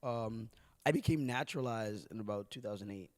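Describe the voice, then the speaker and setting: A young man from Haiti chatting on a podcast, explaining at length and getting animated when he tells stories. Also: fairly low pitch, fairly quick, dry recording, studio quality. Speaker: podcast co-host. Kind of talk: casual podcast chat.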